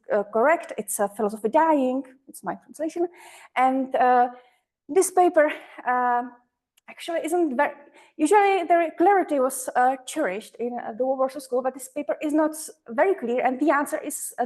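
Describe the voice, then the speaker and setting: A woman's voice: high-pitched, a little mellow. A woman presenting a paper at an academic conference, hesitant and often correcting herself.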